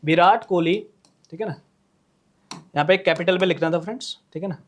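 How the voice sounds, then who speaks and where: A man teaching an English grammar lesson in Hindi, repeating each point and often checking whether the viewers, whom he calls friends, have understood. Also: sits high. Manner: repetitive, checks in with "clear hai na?"; slows down while writing examples.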